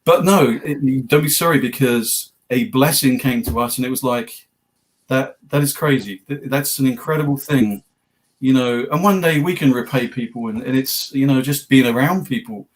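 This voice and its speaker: A man with a West Virginia Appalachian accent, giving casual personal testimony in an earnest, halting way, repeating words and phrases as he goes. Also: mid-range voice. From West Virginia, United States. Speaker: guest, patient advocate telling own story.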